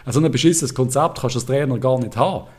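A man's voice: medium pitch, fast, a little mellow. A man with a Swiss German accent ranting heatedly about his football club, swearing as he co-hosts a podcast. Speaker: podcast co-host. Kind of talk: casual football chat.

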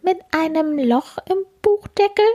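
A woman voicing small, timid ladybugs in a storybook reading, squeaking in a sheepish way. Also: lively intonation, a little slow, darkish tone.

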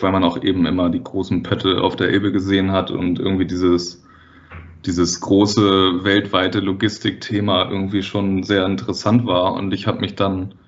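A man from the Hamburg area in his thirties, a freight dispatcher answering interview questions casually, hesitant with many fillers and quick to laugh. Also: low voice, highs cut off. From Hamburg area, Germany.

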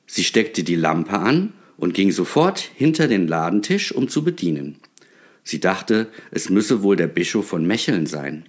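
A man reading a story aloud with expressive, theatrical delivery. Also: low voice, a little slow. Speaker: narrator.

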